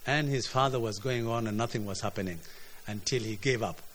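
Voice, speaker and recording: A man from preaching a sermon, earnest, often repeating words as his voice swings between emphatic highs and quiet lows. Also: fairly quick, a little hiss or hum. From South Sudan. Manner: earnest, repeats words, rises and drops in pitch and loudness.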